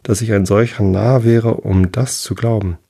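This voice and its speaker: A man doing a gruff, curious young farmer. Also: on the low side, fairly even intonation, moderate pace, warm tone. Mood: questioning. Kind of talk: storybook reading.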